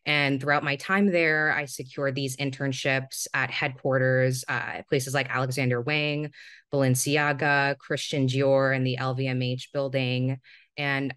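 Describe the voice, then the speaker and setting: Woman, 30s, from Singapore, podcast guest, calm storytelling, dry sound, video call. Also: a bass voice, clear, resonant tone, no echo. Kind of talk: remote interview.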